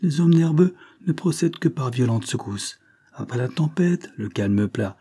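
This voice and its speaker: This is a shrewd, orderly police agent in a spoken storybook, voiced by a man reading. He talks in a cool, lecturing way. His voice is mellow and a little husky. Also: medium pitch, lively intonation, normal speed, voice pushed up. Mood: calm, explaining.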